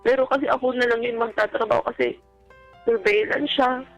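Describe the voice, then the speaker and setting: Calling a radio show for advice, a woman with a Filipino accent politely and deferentially shares a personal story in conversation. Her voice is fairly high with vocal fry, her intonation fairly even, and she talks fairly fast. The call audio is dull and lo-fi, with music in the background.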